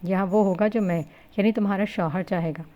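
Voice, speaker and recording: A woman's voice: medium pitch, steady tone, mellow, highs cut off, natural voice. Cold, bossy young groom for a novel reading, voiced by a woman narrator. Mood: cold scolding. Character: blunt young husband, sharp-tongued and cold.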